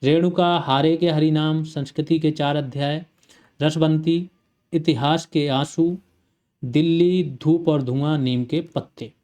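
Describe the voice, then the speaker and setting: A man's voice: a little high, fairly even intonation, unhurried, dark tone. Man reeling off lists in a lecture. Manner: reels off lists of titles, rising on questions to the class. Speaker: exam-prep teacher. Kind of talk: online exam-prep lecture.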